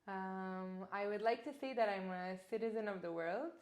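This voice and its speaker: A woman's voice: medium pitch, moderate pace, darkish tone. A young woman from Canada, a guest in an interview, talking in an earnest, reflective way about her travels. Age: young adult. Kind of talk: casual interview conversation. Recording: roomy echo.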